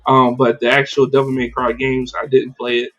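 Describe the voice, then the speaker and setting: A man hosting a casual livestreamed podcast, talking in an animated, slangy and profane way with many fillers. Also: medium pitch, normal speed, muffled recording. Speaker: podcast host.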